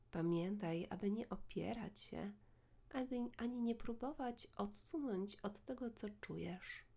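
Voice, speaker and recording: A woman leads a guided meditation in a soft, hushed, soothing voice close to the ear, measured, with long pauses. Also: medium pitch. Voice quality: soft, breathy.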